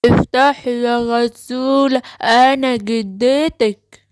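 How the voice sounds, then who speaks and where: A woman with an Egyptian accent voicing a sly, hungry male wolf in a children's cartoon, talking slowly and menacingly. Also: fairly high pitch, fairly even intonation, a little mellow, clear, resonant tone, no room sound, voice pushed down. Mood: coaxing. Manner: slow, menacing, gloating.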